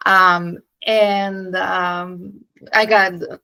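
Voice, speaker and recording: Bright-voiced woman with a Serbian accent. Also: mid-range voice, drawn-out words, gravelly, clean tone, no room sound, rough recording. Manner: lively, laughs often, hesitant fillers. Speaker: guest. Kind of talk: casual interview storytelling.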